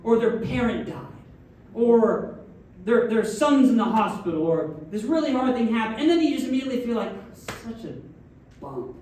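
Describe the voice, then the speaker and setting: A man's voice: very high voice, lively intonation, a little fast, darkish tone. A man preaching a conversational sermon as a minister, checking in with his listeners often. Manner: conversational preaching with frequent audience check-ins. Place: church sanctuary. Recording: very echoey distant room mic, faint background noise.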